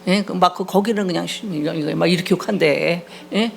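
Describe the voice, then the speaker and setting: A woman's voice: fairly low pitch, fairly quick, vocal fry, a little hiss or hum. A middle-aged woman pastor preaching a sermon, scolding and prodding the congregation for replies. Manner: acts out quoted voices mid-sermon.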